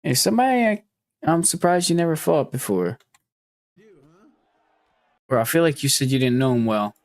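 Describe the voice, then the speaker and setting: A man's voice: mid-range voice, expressive, normal speed, no echo. A man hosting a podcast in casual chat, loose and joking with plenty of swearing. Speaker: podcast host.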